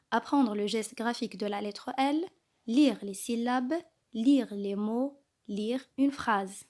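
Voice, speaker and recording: A woman teaching a kindergarten reading lesson, slowly and carefully sounding out each letter and syllable. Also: a little high, darkish tone. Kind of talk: slow scripted reading lesson.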